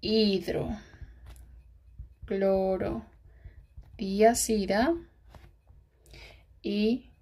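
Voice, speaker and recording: While writing on a diagram, a woman tutors pharmacology, regularly checking in with rhetorical questions and occasionally dropping into a hushed aside. She speaks very slowly with long pauses, in a steady, medium-pitched voice.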